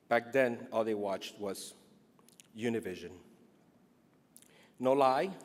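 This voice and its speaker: A middle-aged Cuban man with a mid-range voice gives an emotional, earnest acceptance speech after receiving an award, partly reading from notes. He speaks in a large indoor hall at an awards event, and the recording echoes with long reverb.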